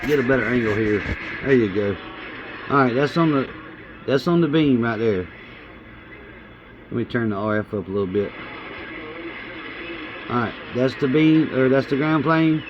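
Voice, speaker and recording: A CB radio hobbyist with a Southern US accent chats to camera at a normal speed in a medium-pitched voice, breaking it up with long pauses. His casual, folksy talk is hesitant and repetitive, and the muffled audio has noticeable radio noise in the background.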